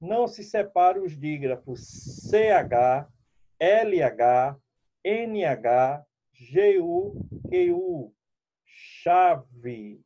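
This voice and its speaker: A man's voice: a little high, very animated, very slow, dark tone. A man teaching a lesson, explaining rules step by step and speaking straight to his students. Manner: explanatory, addresses students directly. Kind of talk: classroom lesson. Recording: dull lo-fi recording.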